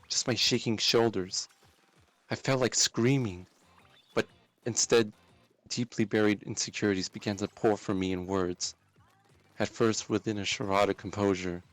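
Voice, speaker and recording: A man with a fairly low, fairly bright voice reads a dramatic first-person story. His delivery is deliberate and intense, full of emotion.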